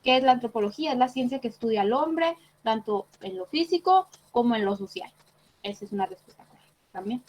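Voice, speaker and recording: A woman's voice: a little high, animated, a little fast, a little mellow, rough recording. A woman teaching an online class, explaining patiently and checking in with short tag questions. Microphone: computer mic on a video call.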